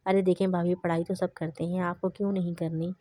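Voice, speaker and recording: A woman reading the lines of a playful, mischievous young man in an audiobook novel, in a flat, even voice. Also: fairly low pitch, no room sound, lightly acted. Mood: teasing.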